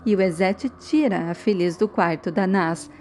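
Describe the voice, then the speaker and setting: Mellow woman recapping a soap. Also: on the low side, moderate pace, slight background noise. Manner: steady retelling, reads every character's lines plainly. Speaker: soap-opera recap narrator. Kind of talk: recapping a dubbed soap episode. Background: faint music.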